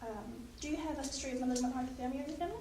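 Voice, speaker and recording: In an echoey, noisy room and recorded from far off, a young paramedic student with a high, hoarse voice races through narrating her practical exam. She calmly instructs the patient through each stage of the clinical skills demonstration.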